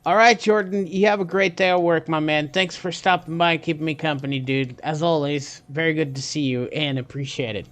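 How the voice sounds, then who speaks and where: A man's voice: a little high, fairly even intonation, a little fast, hardly any pauses, fairly bright tone. A man streaming a game, chatting casually and jokingly with viewers in a rambling way. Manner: rambling, jokey, talks to viewers. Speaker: gaming streamer. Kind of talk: casual livestream chat.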